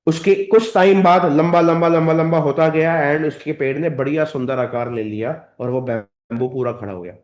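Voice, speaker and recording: A man's voice: fairly high pitch, moderate pace, few pauses, darkish tone. A man with an Indian accent giving a motivational training talk, lecturing his audience directly and calling them sir and madam. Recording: roomy echoey hall.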